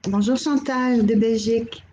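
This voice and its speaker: A middle-aged woman with a Québécois accent, hosting a live channeling stream, gently relaying messages and greeting viewers by name. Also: on the high side, steady tone, measured pace, dull audio, slight background noise. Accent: Québécois French. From Quebec.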